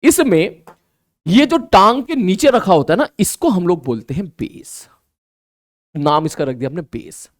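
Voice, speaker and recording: A male teacher with a high voice, talking through a maths lesson in a lively way and voicing his students' replies himself. He slows right down to spell out new terms. The sound is dry and close, with no room echo. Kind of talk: online math lesson.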